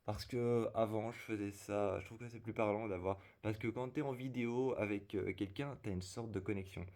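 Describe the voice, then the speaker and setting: A man talks casually to his viewers as a video creator. His voice sits fairly low and sounds sickly and strained, zombie-like, as with a lung ailment. He goes along haltingly, often hesitating to find the next word. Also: steady tone, darkish tone. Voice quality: strained, unwell zombie-like voice, not his usual one. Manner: halting, apologetic, hesitant, searching for words. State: ailing voice from a lung problem. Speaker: video creator and fanfiction writer presenting to camera. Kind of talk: casual vlog chat.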